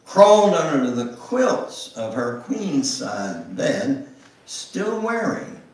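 A man gives an expressive dramatic reading of a memoir, his delivery slow, with wide swings in pitch. His voice is fairly high for a man. It reaches a distant mic through the heavy echo of a church sanctuary. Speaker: guest speaker.

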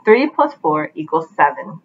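A woman's voice: sits low, big pitch swings, unhurried, recorded from a distance, lo-fi sound, pitched below the performer's own voice, full character voice. A woman voicing a helpful young male cat who loves math, in a children's storybook. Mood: upbeat, encouraging.

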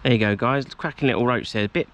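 A man's voice: medium pitch, fast talker, fairly bright tone, muffled recording. A middle-aged man giving casual vlog commentary as he fishes from a boat outdoors. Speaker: angling vlogger. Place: outdoors on a small boat on open water. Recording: wind and boat noise outdoors.

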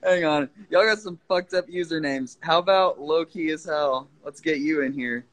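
A man's voice: on the high side, moderate pace, fairly bright tone, rough recording. A man hosting a casual livestream from his phone, joking around and swearing freely with viewers who join the stream. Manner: swears a lot, loose and jokey. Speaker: livestream host.

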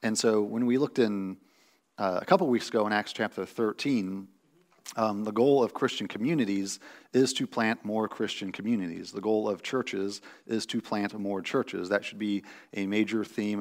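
A man's voice: on the low side, fairly even intonation, moderate pace. A man in his thirties preaching a sermon from a pulpit in a church sanctuary, teaching conversationally with restarts and fillers. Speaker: pastor.

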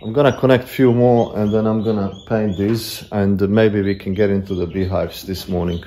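The speaker is a homesteading vlogger, a man in his thirties, talking casually to his phone camera at arm's length as he works in a stone workshop shed. He pitches fairly low, keeps a steady tone and moderate pace, and mocks himself with many fillers. The shed sounds echoey, with faint noise behind him.

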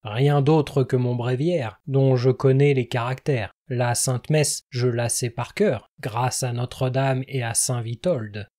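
A man reading an audiobook, voicing a proud Saxon lord who poses as a monk and speaks slowly and piously. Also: medium pitch, fairly even intonation, warm tone, lightly acted. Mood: guarded.

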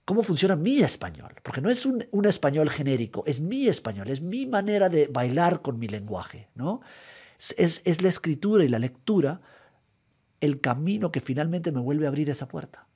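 In a studio radio interview, a middle-aged Guatemalan writer offers reflective, methodical answers and frequently repeats words as he searches for them. He sounds very animated at a normal speed, his fairly high voice a little mellow and breathy. A studio microphone is used.

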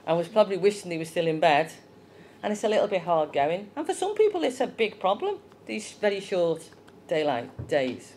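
A woman's voice: lowish voice, slight background noise. A woman giving a chatty children's talk in church, asking the young ones questions.

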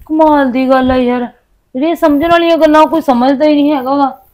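Woman doing a worried village wife, high voice, keeps begging him to listen. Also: steady tone, a little fast, darkish tone, close to an everyday voice. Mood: pleading. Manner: pleading, insistent. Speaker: young wife. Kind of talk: village drama acting.

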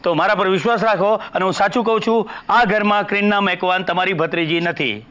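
An actor playing a flustered young man who hides his girlfriend and dodges questions with fast, evasive wordplay in a stage comedy. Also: high-pitched, a bit bright. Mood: placating. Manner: fast evasive wordplay, fawning then exasperated. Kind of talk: Gujarati stage comedy acting. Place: theatre stage.

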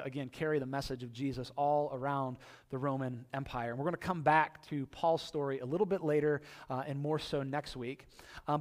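A man preaching a sermon to his church, telling the story in a lively way and acting out the quoted voices. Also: fairly high pitch. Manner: animated storytelling, acts out quoted voices, rising excitement. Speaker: pastor.

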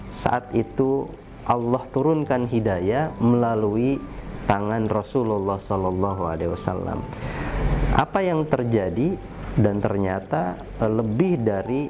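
A man in his thirties from Indonesia gives a short morning sermon at a desk, calm and unhurried, with gentle fillers. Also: lowish voice, a little hiss or hum. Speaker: preacher and founder. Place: small indoor office studio with poster wall. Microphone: seated at desk, camera at medium distance.

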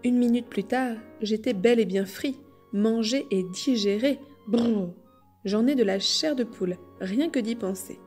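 A woman's voice: a little high, unhurried, darkish tone, soft background music, close to an everyday voice. A woman reading a frightened little puppet boy. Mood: shuddering. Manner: pleading, trembling. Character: frightened wooden boy puppet, small and tearful.

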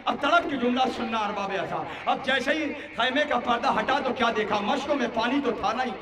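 A man reciting a mourning sermon at a religious gathering, impassioned and rising to wailing shouts. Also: very high voice, a little fast. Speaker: Shia cleric reciting a majlis. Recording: echoey hall, far from mic, crowd. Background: mourners' crowd.

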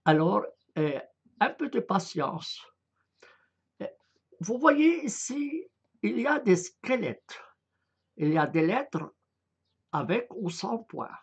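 A man lecturing at a very slow, halting pace, with many filler sounds and restarts. His voice is gravelly and husky, and his pitch moves a lot as he spells out letter sounds one at a time. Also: very animated. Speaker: lecturer on Arabic script. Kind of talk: slow explanatory online lecture.

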